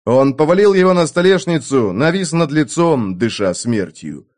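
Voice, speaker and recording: A man narrating an adventure audiobook with a vivid, expressive reading. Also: on the high side, moderate pace.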